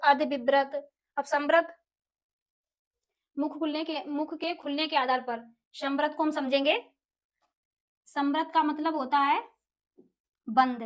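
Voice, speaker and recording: A young woman teaching an exam-prep Hindi lesson, asking questions and answering them herself, repeating key terms and sounding out vowels slowly. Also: high voice. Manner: addresses viewers as friends, asks and answers own questions.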